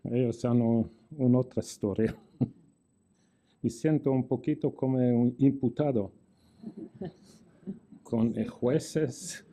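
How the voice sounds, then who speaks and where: An older guest lecturer with an Italian-tinged accent delivers a formal lecture in careful non-native Spanish, adding dry jokes and wry asides and restarting words. His medium-pitched voice is dark and steady, slow-paced with long pauses.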